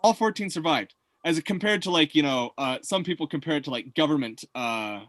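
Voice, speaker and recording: A man's voice: fairly high pitch, animated, fairly quick, fairly bright tone, no room sound. A man hosting a casual chat, rambling with many fillers and restarts. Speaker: host.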